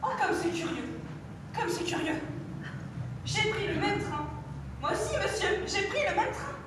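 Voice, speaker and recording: A woman's voice: very high-pitched, animated, a little slow, background noise. A teenage girl playing a prim English lady in an amateur stage performance, exclaiming with exaggerated surprise, heard from far off in an echoey hall. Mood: astonished. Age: teens.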